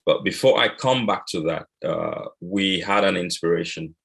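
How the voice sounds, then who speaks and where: A man from Cameroon speaking on an online panel, measured and pausing often with "uh". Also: sits low, gravelly, fairly bright tone, breathy edge. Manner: measured, with frequent "uh" pauses. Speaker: cocoa and coffee exporter.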